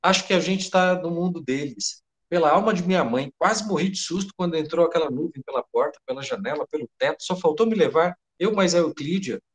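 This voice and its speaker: A panicked middle-aged head cook, babbling in a rush and swearing oaths as he pours out his story, as a Brazilian-accented man voices him in a read-aloud tale. His voice runs fairly high and rattled. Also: a little fast, natural voice. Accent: Brazilian Portuguese.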